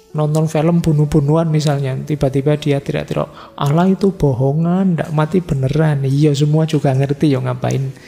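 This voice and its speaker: A middle-aged male lecturer teaches in an easygoing, conversational way. His voice sits a little high for a man, with a dark, gravelly texture. The sound is a long-reverb hall recording with faint music underneath. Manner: relaxed, conversational teaching with everyday examples. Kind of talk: philosophy lecture.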